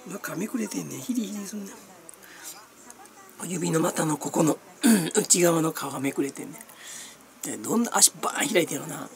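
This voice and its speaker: A middle-aged woman from the Kansai region chats as a vlogger in a low, somewhat mellow voice. She drifts through everyday topics, uses her own nickname for herself, and fills her talk with little laughs and filler words.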